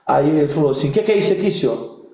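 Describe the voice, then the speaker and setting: The young Brazilian pastor talks very fast in a slightly high voice, recorded in an echoey room. In a casual interview he tells funny stories as an animated comic storyteller, performing the voices of the people involved.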